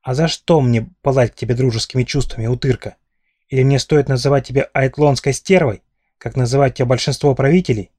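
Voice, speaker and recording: A man's voice: mid-range voice, fairly quick, a little mellow, dry recording, clean studio sound, lightly acted. A man voicing a furious, menacing male lord in an audiobook, growling and accusing with hatred. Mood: sneering.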